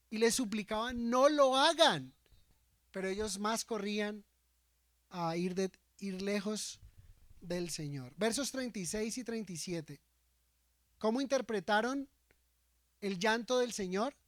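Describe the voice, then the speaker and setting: A man's voice: high voice, a bit bright, dry recording. A male pastor delivers a sermon, peppering it with rhetorical questions to his listeners. He brings scripture alive by acting out the quoted lines, and his voice sits close and dry with little room sound. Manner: asks the congregation frequent rhetorical questions; acts out quoted speech from scripture.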